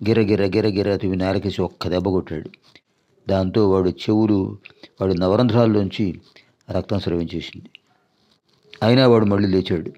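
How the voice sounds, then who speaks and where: A man giving a devotional discourse, retelling a sacred epic in a measured, explanatory way with pauses. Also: on the low side, dark tone, highs cut off. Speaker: religious discourse speaker.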